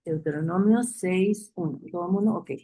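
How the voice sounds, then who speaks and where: Woman Bible teacher, mellow warm tone, repeats points, quizzes the class. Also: fairly low pitch, normal speed, low-quality recording. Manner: reads verses aloud and asks the class questions; repeats key phrases for emphasis.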